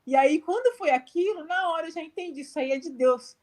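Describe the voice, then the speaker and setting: A missionary woman with a Brazilian Portuguese accent, appearing as a guest on a live video call, shares a testimony in a very high, brisk, slightly mellow voice. She's chatty and full of fillers, acting out the dialogue she quotes.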